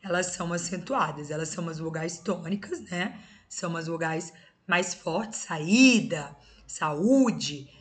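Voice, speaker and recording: A woman's voice: fairly low pitch, moderate pace, fairly bright tone, slight background noise. A woman teaching an exam-prep grammar lesson, explaining step by step and often checking in with her students. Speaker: Portuguese teacher.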